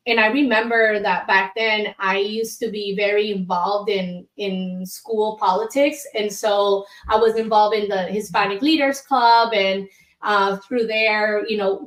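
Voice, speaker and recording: A woman's voice: mid-range voice, fairly bright tone. Woman, from Colombia, guest attorney, candid, earnest, echoey room. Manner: earnest, candid, with frequent fillers. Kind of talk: casual interview.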